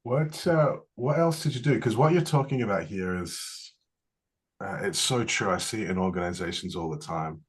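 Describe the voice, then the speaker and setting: A man with a fairly low voice hosts an interview. He reflects aloud before asking questions, pausing now and then to search for the right word. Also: breathy edge. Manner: reflective, thoughtful, searching for words. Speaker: interviewer, coach.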